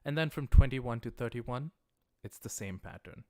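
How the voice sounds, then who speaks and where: With an animated, darkish mid-range voice and no echo, the native English speaker patiently breaks down Japanese patterns step by step on his livestream. He reads viewer questions out loud and slows down to say Japanese words with care.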